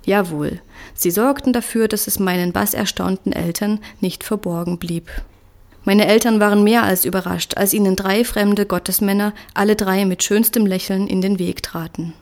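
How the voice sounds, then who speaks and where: Woman narrator reading a novel aloud, steady storytelling delivery. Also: mid-range voice, normal speed. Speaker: audiobook narrator. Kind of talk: scripted narration.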